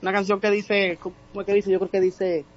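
Dominican male guest, halting speech, higher register, dull lo-fi recording. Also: flat delivery. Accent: Dominican Spanish. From Dominican Republic. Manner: halting, many filler sounds. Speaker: guest singer. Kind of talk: casual interview.

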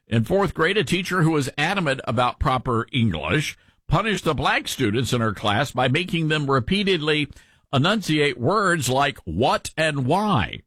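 Man, mellowed Southern US accent, husky, lively intonation, folksy radio commentary, dry sound. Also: fairly high pitch, moderate pace, dry recording. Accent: mellowed Southern American. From Southern US, Tennessee. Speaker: talk radio host. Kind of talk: conversational talk radio commentary.

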